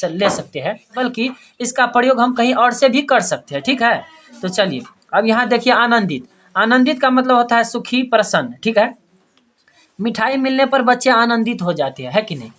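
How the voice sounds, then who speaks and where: A woman teacher explaining word meanings and spelling out words slowly, syllable by syllable, with frequent checking questions. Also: on the high side, animated, a bit bright, a little hiss or hum. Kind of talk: classroom lesson.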